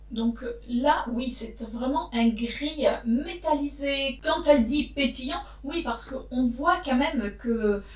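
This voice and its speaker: A woman chatting casually to her viewers as she reviews makeup, often pausing to hesitate and talking straight to the camera. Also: on the high side, reverberant. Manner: chatty, frequent hesitations, addresses viewers directly. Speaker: beauty vlogger.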